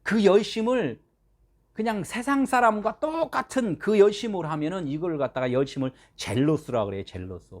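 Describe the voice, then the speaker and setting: A man preaching a sermon in a lively, conversational way, his pitch riding fairly high and leaping up and down. He throws out rhetorical questions to his listeners and shifts between loud emphasis and quiet asides. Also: normal speed. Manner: animated, swings between loud and soft. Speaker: pastor.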